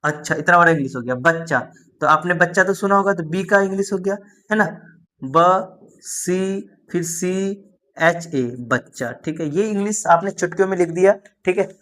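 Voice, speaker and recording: A man's voice: high-pitched, normal speed, sharp tone. A man teaching a beginners' spelling lesson, encouraging his students and asking questions that he answers himself. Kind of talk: spoken lesson.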